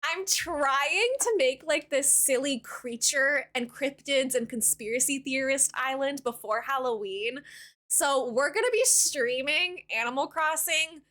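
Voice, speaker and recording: A woman's voice: sits high, a little slow, bright, forceful tone. A young woman from Canada chatting casually with her viewers while live-streaming a game, bubbly and giggly.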